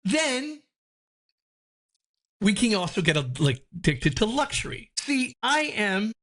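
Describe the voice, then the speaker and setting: A man's voice: high voice, big pitch swings, slow pace, fairly bright tone. A man from New Jersey, a podcast guest talking candidly in a loose, rambling way, swearing freely. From New Jersey, United States. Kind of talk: candid conversational interview.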